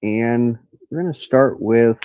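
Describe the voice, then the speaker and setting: Crickets and cicadas fill the background as a man hosts a loose true crime livestream from a country carport outside, rambling along and stopping to look things up. His voice is nasal and medium-pitched, and he takes it slowly. There's no room sound, and the highs are cut off.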